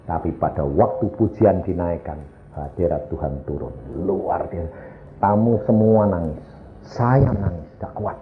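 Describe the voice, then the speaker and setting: A man preaching a storytelling sermon, acting out the people he quotes and dropping Javanese words into his talk. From Indonesia. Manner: animated, acts out quoted voices with big pitch jumps. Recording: echoey hall on a tinny, phone-like line.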